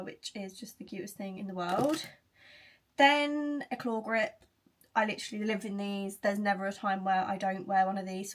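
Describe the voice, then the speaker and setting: Young British woman vlogger, twenties, breezy filler-heavy chat recorded at home. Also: medium pitch. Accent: British English. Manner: chatty, frequent "like" fillers, upbeat. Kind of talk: casual vlog chat. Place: home, indoors.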